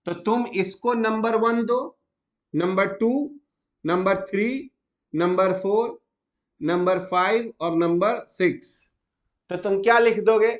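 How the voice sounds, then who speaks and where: A man teaching chemistry step by step, often stopping to check that students follow. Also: high voice. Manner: asks students frequent check questions; slows down to spell out names.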